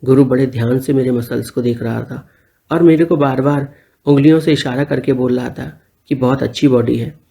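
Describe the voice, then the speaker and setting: A man's voice: mid-range voice, fairly even intonation, normal speed, vocal fry, warm tone, a little hiss or hum. A young man narrating a first-person story in a plain, conversational way.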